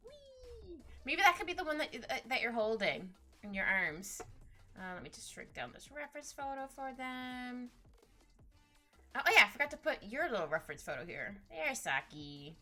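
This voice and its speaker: Young woman streamer, bright high voice, very lively, giggly chat over soft music. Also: moderate pace. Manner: giggly, bubbly, trails off and restarts. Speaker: streamer drawing live. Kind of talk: casual chat with live chat while drawing. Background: soft background music.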